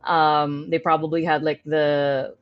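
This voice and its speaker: Low-pitched woman chatting on a livestream. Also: level tone, slow, no echo, muffled recording, faint music behind. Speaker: livestream co-host. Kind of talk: casual chat.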